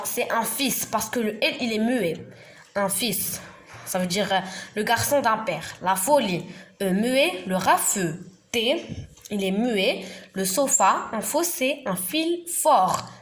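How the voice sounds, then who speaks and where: A woman giving a beginners' reading lesson, spelling out letters and syllables slowly and deliberately. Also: fairly high pitch, a bit bright. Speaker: teacher. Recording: echoey room with faint noise.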